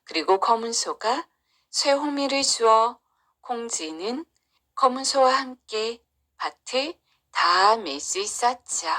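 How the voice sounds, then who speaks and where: Woman storyteller, folktale audiobook, soft, hushed, partly whispered, slow. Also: mid-range voice. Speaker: audiobook narrator. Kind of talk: scripted storybook narration.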